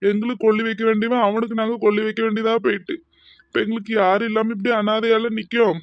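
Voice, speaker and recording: A man plays a sick, grieving old husband in a cartoon. His pitch sits high but stays flat. The recording sounds dull and lo-fi. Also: fast talker, dry recording. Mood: mournful.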